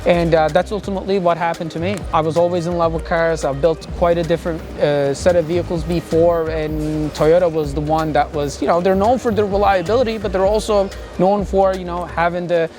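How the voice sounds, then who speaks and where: Guy from turkey, car dealer, chatting outdoors at a car show with music behind, kinda high voice. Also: steady tone, fairly quick, few pauses. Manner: enthusiastic, explanatory, talks about products.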